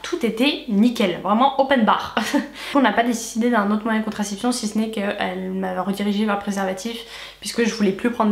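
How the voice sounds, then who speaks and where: Woman with a retainer lisp, echoey room. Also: mid-range voice. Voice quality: nasal, stuffy nose. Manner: chatty, candid, slangy asides. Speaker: vlogger. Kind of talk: casual storytime vlog to viewers.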